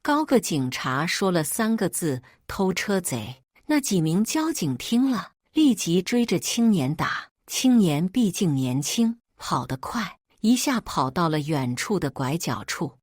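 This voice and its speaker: A woman narrating a scripted story in an expressive storytelling manner. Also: lowish voice, measured pace, few pauses, dry recording, clean studio sound.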